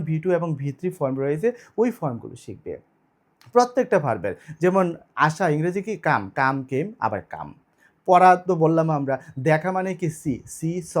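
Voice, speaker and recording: Male tutor, rather high voice, patient step-by-step grammar lesson with self-posed questions. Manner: explains step by step, asks and answers own questions. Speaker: English teacher. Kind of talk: online video lesson.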